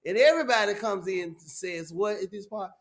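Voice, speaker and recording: A man leading a choir rehearsal, giving relaxed, folksy directions and singing each part in falsetto to show the pitch. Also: a little fast, noisy background. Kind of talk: casual choir rehearsal instruction. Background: piano accompaniment.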